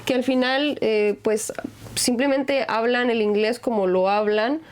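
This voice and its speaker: A woman's voice: a little high, steady tone, measured pace. A young adult woman from Mexico, hosting a podcast and chatting reflectively in a neutral Mexican accent, with many fillers. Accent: neutral Mexican Spanish. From Mexico (Aguascalientes). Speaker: podcast host. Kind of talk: casual conversation.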